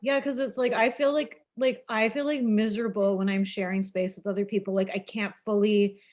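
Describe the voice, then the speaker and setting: A woman co-host talks animatedly in a casual podcast chat, laughing often. Her voice sits at a middle pitch. She leans heavily on filler words. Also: little pitch movement, a little fast, a little mellow.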